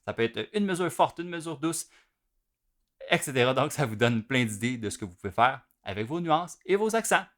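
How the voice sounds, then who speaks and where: A man with a Quebec French accent teaches drums in an instructional video, speaking at normal speed with an ordinary middle pitch. His explanations are relaxed and informal, peppered with fillers, and he stops between phrases to play.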